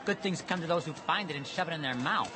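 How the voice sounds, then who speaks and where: A man's voice: fairly high pitch, fast, noisy background, lightly acted. A man playing a greedy, self-serving barn rat in a film, with a wisecracking, grumbling manner. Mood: impatient, greedy. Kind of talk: film character acting.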